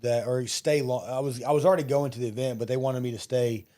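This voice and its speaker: A man's voice: medium pitch, fairly even intonation, quick pace, warm tone. A man hosting a podcast, chatting casually and affirming his guest often. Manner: frequent affirming back-channel, rambling anecdotes. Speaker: podcast host.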